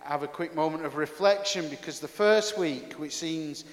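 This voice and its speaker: A man's voice: a little high, normal speed. A pastor preaching a sermon to his congregation in a chatty, candid, self-deprecating way, his voice carrying a big hall echo. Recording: echoey hall with long reverb.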